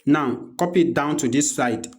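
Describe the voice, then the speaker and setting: A tutorial presenter with a Nigerian accent walks through software unscripted, explaining each step and repeating his instructions. His voice is fairly high and his pace moderate.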